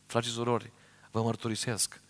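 A man's voice: medium pitch, completely flat delivery. A middle-aged man from Romania preaching a sermon, telling a story earnestly and speaking straight to his congregation.

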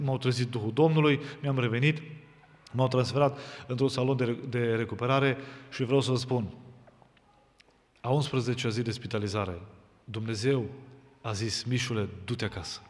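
Fervent preacher man in a reverberant hall. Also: steady tone. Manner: climbs from low somber storytelling to loud fervent preaching. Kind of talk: sermon testimony.

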